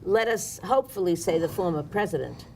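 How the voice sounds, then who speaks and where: A woman's voice: on the low side, expressive, a little fast, vocal fry, crowd noise. A woman activist on a studio panel, giving impassioned political commentary with a sarcastic edge. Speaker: activist guest.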